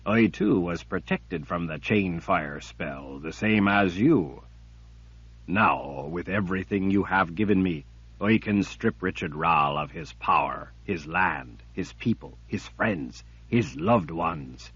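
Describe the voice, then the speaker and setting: A man voicing a cruel, patient male emperor villain who speaks in a cold, deliberate, menacing way. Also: sits low, fairly bright tone, slightly rough, exaggerated voice. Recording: dull lo-fi recording.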